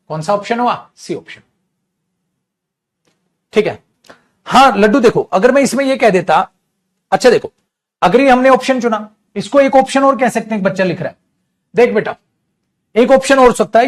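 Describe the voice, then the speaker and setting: Male grammar teacher, high-pitched, animated, coaxing online lecture delivery. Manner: animated, addresses students as "beta"; drawls sentences slowly while writing. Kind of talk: online exam-prep lecture.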